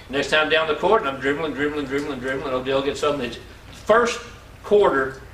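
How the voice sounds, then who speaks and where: A man in his 60s tells his life story to an audience in an inspirational talk, a folksy, animated storyteller who repeats himself and acts out dialogue. His voice is a little high at normal speed, caught on a distant mic in a roomy space with faint background noise.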